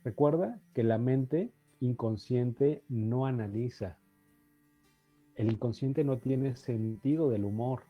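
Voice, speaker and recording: A man's voice: mid-range voice, slow, dull audio, soft background music. A man from Mexico, speaking as a radio host, gives an earnest motivational talk and keeps checking in with his listeners. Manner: earnest, repetitive, asks "¿sí?" often. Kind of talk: motivational talk on mind and health.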